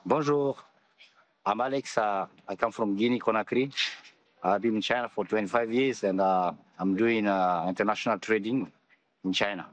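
A man introduces himself casually, with small hesitations along the way. His voice is fairly low. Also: moderate pace. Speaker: trader. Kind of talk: short self-introduction.

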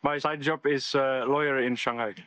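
A man giving a friendly, unhurried self-introduction as an amateur footballer. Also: mid-range voice, steady tone, fairly bright tone, no echo.

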